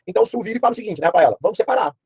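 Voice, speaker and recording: A man teaching a history class online in a fast, casual way, often asking his students questions and using slang. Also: sits high, animated, gravelly, darkish tone, husky, no room sound.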